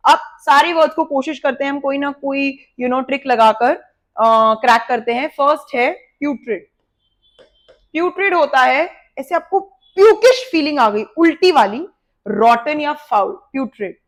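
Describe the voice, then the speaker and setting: A woman's voice: high voice, normal speed. A woman with an Indian accent teaching a vocabulary lesson, explaining words with memory tricks and repeating them. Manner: lively explaining with repetition.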